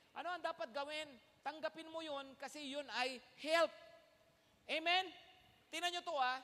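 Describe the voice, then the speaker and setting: Emphatic high-voiced preaching man. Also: pushed and bright. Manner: emphatic, calls for "Amen?" often, mixes Tagalog and English. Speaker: pastor. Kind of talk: sermon. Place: large church hall. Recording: long hall reverb.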